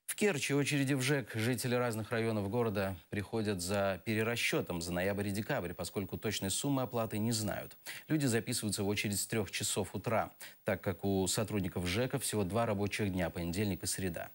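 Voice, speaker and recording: A man reads television news narration in a formal, steady voice. His pitch sits a little low, and the delivery stays even and composed throughout. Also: fairly quick, few pauses. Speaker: news reporter.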